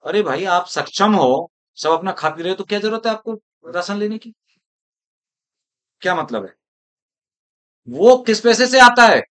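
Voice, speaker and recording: Rhetorical male teacher, slightly high. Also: lively intonation, measured pace, pauses often, fairly bright tone. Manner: rhetorical, asks students if they follow. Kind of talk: classroom lecture.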